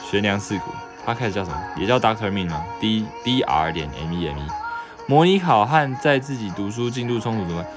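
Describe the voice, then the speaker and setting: A young man with a Taiwanese Mandarin accent hosts a relaxed livestream. He reads viewer questions aloud and answers them in a joking, offhand way. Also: lowish voice, brisk, music in the background. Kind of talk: casual livestream chat.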